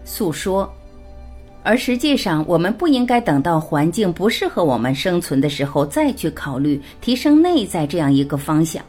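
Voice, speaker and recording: A woman's voice: lowish voice, very animated, moderate pace, darkish tone, faint music behind. A woman reading a written interview aloud, voicing both sides and announcing each speaker's label.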